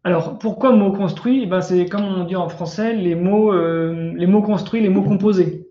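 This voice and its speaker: A man with a high voice teaches grammar patiently, pausing and restarting his sentences as he explains. The recording sounds dull and lo-fi, with a roomy echo around him. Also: fairly even intonation. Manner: patient, hesitant, many fillers and restarts. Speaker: Coptic language teacher.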